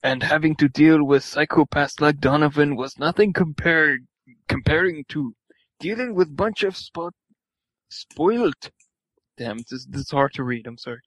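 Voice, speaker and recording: A man's voice: a little high, moderate pace, fairly bright tone, no echo, poor audio. Man stumbling through a comic read-aloud. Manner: stumbling over words, swearing, laughing at the text. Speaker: reader. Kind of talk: comic reading of fan fiction aloud.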